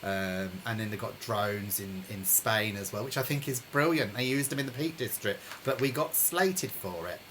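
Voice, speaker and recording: A man hosting a live-streamed pub quiz from home, chatting with viewers and reading each question slowly, then repeating it. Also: fairly low pitch, a bit bright, slight background noise, low-quality recording. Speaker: quiz host. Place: home during lockdown.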